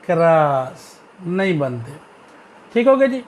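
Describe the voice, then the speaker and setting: Man, Pakistani accent, English teacher, high voice, slow and repetitive, checks in with students. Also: sing-song. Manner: addresses students fondly, reads English text aloud. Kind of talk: classroom grammar lesson.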